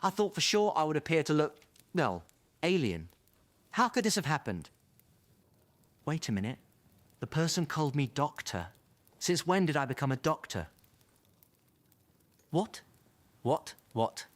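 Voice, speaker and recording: A man playing an excitable, eccentric time traveller in a fan audio drama, rambling theatrically to himself. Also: a little high, measured pace, pauses often, no room sound. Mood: bewildered. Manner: theatrical, rambling self-talk.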